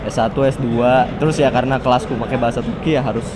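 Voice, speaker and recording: Young male vlogger, Indonesian accent, mid-pitched, colloquial casual chat at a brisk clip in a noisy public spot. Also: steady tone. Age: young adult. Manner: colloquial, agreeable, peppered with slang particles. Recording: busy outdoor crowd and traffic.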